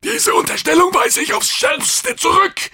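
A man's voice: lively intonation, unhurried, creaky, bright, forceful tone, husky, no echo, studio quality, exaggerated voice. A man voicing a stubborn, pedantic alien customs master in an audiobook. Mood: indignant. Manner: high, strained, indignant.

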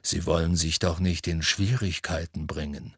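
A man voicing a tall, calm male wizard with a deep, slow voice in an audiobook reading. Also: breathy edge, dry recording, clean studio sound.

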